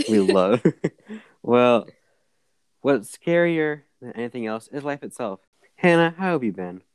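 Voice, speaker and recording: A woman's voice: extremely low pitch, sing-song, slow pace, pauses often, a little mellow, no room sound. A teenage girl hosting a podcast in a bubbly, slangy way, laughing often. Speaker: podcast host. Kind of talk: casual chat.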